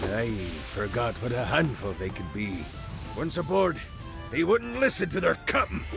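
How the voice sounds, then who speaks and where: A man's voice: medium pitch, sing-song, normal speed, creaky. A man voicing a boastful pirate captain in hell who growls and calls everyone matey, in video game dialogue. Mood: swaggering. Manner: theatrical pirate talk, calls listener matey. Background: game music.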